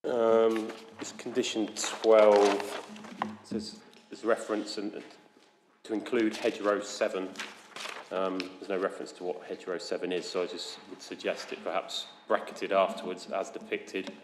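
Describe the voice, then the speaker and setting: A man chairing a formal planning inquiry, speaking in a measured, methodical way with hesitant fillers. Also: on the low side, flat delivery. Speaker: planning inspector. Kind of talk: formal public inquiry discussion. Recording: echoey hall, some background noise.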